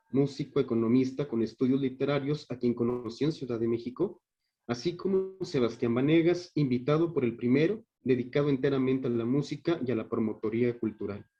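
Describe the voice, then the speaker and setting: A theatre director from Monterrey, Mexico, reads an academic paper aloud as a conference speaker, in a formal, literary manner with a northern Mexican accent. His mid-range voice has a dark tone. He is on a video call, and the online audio sounds dull.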